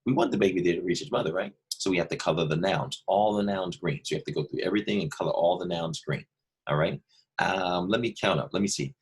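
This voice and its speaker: Low husky-voiced male teacher. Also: fast. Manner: patient, explains step by step, repeats points. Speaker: second grade teacher. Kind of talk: remote lesson walkthrough.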